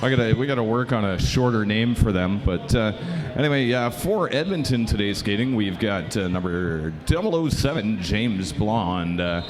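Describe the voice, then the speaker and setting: A man calling a junior roller derby game as play-by-play commentator, talking quickly with lots of "uh" fillers. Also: lowish voice. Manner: fast, filler-heavy, self-described caffeinated. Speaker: sports commentator.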